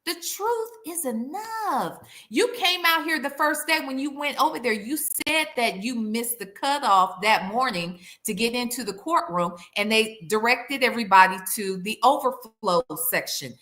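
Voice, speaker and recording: A woman's voice: fairly high pitch, expressive, a little slow, few pauses, sharp tone. A woman delivering a smug, sarcastic exposé to a live chat as host, mocking and incredulous, repeating phrases for emphasis. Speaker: YouTube content creator, host. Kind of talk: call-out commentary to a live chat.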